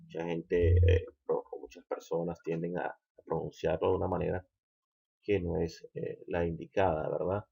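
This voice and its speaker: A man teaching English grammar, slow and patient, checking in with the listener again and again. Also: low-pitched, level tone, creaky, slightly rough, highs cut off. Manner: slow, patient, repeats "¿ok?" often. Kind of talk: explaining grammar.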